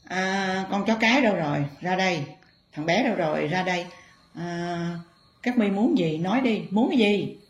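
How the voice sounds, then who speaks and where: A woman's voice: lowish voice, normal speed, roomy sound, muffled recording, lightly acted. A woman voicing a commanding female deity who sternly questions and orders spirits around.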